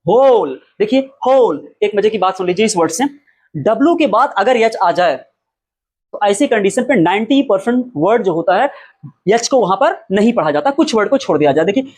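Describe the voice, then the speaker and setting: A man's voice: high voice, lively intonation, fairly quick. A man teaching an English spelling lesson, who asks his own questions, answers them and repeats every point. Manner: spells out words letter by letter.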